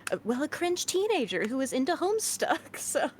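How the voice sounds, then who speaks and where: Higher-pitched woman, excitable and self-deprecating. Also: moderate pace, slight background noise. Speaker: voice actor, guest performer. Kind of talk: casual chat on a livestream.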